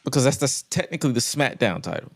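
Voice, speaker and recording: Male podcast co-host. Very animated pitch, blunt and profane, informal opinionated delivery. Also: fast talker. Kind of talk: casual chat, opinionated commentary.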